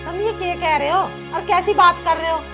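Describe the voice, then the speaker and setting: A woman's voice: extremely high pitch, fairly quick. An actress playing a fierce rural mother who defends her daughter, speaking in an emotional, scolding way. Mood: angry. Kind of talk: village film drama acting. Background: loud background music.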